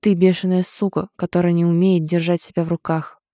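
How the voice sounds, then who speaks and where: A drunk, sour ex-boyfriend, as a woman narrator puts him on, sneering and bullying in a storybook scene. The voice sits dark and mellow and sounds dry and close. He pushes harder and louder than the calm narration around him. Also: on the low side, a little fast, no room sound, lightly acted. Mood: menacing.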